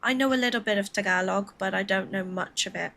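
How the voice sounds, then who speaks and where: A woman from the Philippines streams a game from home, chatting with viewers in a rambling, talkative way and dropping laughing asides. Her mid-range voice is fast and a bit bright, with some vocal fry.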